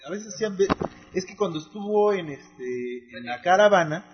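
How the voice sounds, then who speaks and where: A man's voice: high voice, lively intonation, normal speed, background noise. A Mexican man hosting a radio talk show, teasing his co-hosts with crude slang. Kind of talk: casual banter. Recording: muffled lo-fi radio audio.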